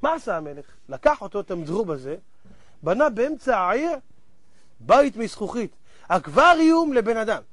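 A male preacher tells a parable in a sermon, addressing his listeners directly. His voice sits very high, and he swings between loud exclamations and hushed asides. The recording is close and dry. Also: sing-song, no echo.

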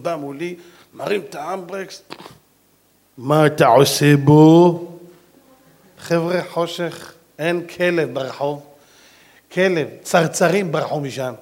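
Animated guy preaching, high voice, keeps asking the crowd questions, acts stuff out. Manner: animated, addresses the audience directly, acts out voices. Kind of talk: sermon with acted-out stories.

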